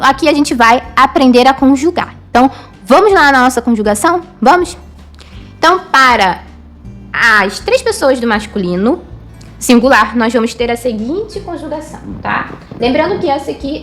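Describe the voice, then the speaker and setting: A woman teaching an online language lesson, patient and explanatory, slowly repeating each word for her students. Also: fairly high pitch. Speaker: Hebrew teacher.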